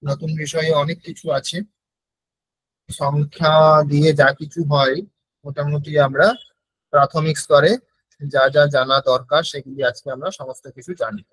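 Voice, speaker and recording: A Bengali-accented man teaches online, slowly repeating words so his students can copy them. His voice sits a little high. The call audio is dry and close, with no room sound. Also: fairly even intonation, fairly bright tone, no echo, low-quality recording. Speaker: Sanskrit teacher. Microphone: video call.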